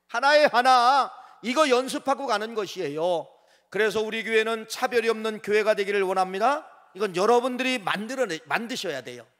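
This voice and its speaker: High-voiced preaching man, reverberant church. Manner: animated preaching, voice rising and falling, addresses congregation directly. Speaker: pastor. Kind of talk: sermon. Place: church sanctuary. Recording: church sanctuary with long reverb.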